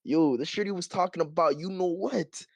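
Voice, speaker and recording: A man's voice: high-pitched, normal speed. A man from the audience telling a rambling story in heavy slang. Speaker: audience member.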